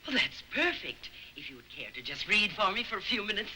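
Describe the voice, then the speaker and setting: An actress playing a grand, theatrical stage director in a classic film. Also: female voice, medium pitch, big pitch swings, brisk, bright, forceful tone, slight background noise, poor audio.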